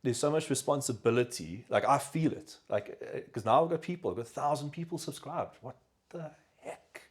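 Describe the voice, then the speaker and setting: A man's voice: medium pitch, fairly quick. A South African man hosting a podcast, telling stories in a casual chat and acting out the voices of people he quotes. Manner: animated storyteller, acts out quoted voices. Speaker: podcast host.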